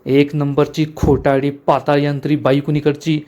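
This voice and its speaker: A hot-headed young son, blunt and angry in defense of his mother, as a male storyteller voices him. The voice sits a little high. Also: level tone, moderate pace, warm tone, natural voice.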